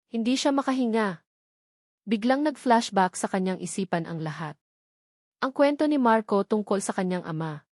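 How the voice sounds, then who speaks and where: Speaking with a Filipino accent, a woman narrates a scripted romance story dramatically in a mid-range voice with a darkish tone. The sound is studio quality with no room sound.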